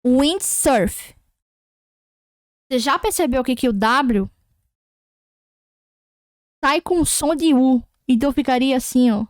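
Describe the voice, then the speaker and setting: A Brazilian woman teaching an online Portuguese grammar lesson, patiently repeating words slowly and checking that students follow. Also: high-pitched, dry recording, clean studio sound.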